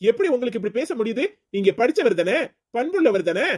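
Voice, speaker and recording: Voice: medium pitch, sing-song, quick pace, a little mellow. A performer voicing a principled, indignant young brother-in-law in a cartoon story, lecturing firmly. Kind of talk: cartoon voice acting.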